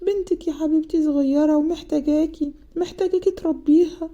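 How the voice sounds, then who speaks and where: A woman voicing a grieving middle-aged mother who pleads with her daughter, in an Egyptian accent, breathy and reproachful. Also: sits high, fairly even intonation, quick pace, warm tone, dull audio, voice pushed up, close to an everyday voice. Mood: pleading. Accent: Egyptian Arabic.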